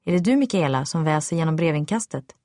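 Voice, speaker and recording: A brisk, reassuring neighbor woman in a Swedish audiobook, as the woman narrating reads her. Her voice sits low, and it is recorded close and dry with no room sound. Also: expressive, mellow, no echo. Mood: puzzled. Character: friendly adult female neighbor, helpful.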